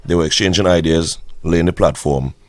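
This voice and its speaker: A tired man from Trinidad, a musician guest talking in a relaxed, laid-back way. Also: deep voice, normal speed, no echo.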